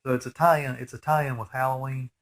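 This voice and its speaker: Congested and nasal from a cold, a fan commentator in his forties talks fairly quickly through a film in a pitch typical for a man. His casual commentary wanders, chatty and relaxed, bubbling with geeky enthusiasm for the scenes.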